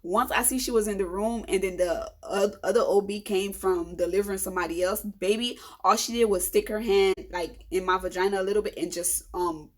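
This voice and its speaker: Chatty, animated woman telling a story. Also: mid-range voice, brisk, hardly any pauses. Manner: animated, chatty, acts out quoted dialogue; frank and humorous. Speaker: vlogger. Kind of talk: casual storytelling to camera.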